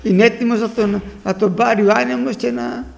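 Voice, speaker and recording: High-pitched gravelly preacher. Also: male voice, steady tone. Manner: storytelling with quoted exchanges, swinging from hushed to loud. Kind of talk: sermon.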